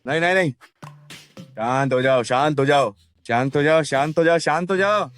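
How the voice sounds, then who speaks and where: A sleazy male thug, dubbed by a man in a Hindi drama dub, his voice a little high. He leers one moment and pleads in panic the next. Soft music plays behind him. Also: normal speed, natural voice. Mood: panicked. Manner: leering, then pleading in panic. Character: sleazy male thug who turns cowardly. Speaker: hired thug.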